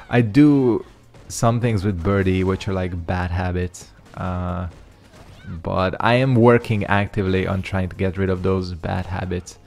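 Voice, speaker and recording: A young man hosting a gaming channel talks through his own fighting game matches in casual commentary, heavy on fillers and loose slang. Hungarian is his first language, and his voice is on the low side, gravelly and darkish.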